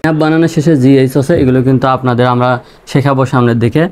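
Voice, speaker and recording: A man teaching English vocabulary in a slow lesson, spelling words out letter by letter and repeating each meaning patiently. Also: mid-range voice, steady tone, darkish tone.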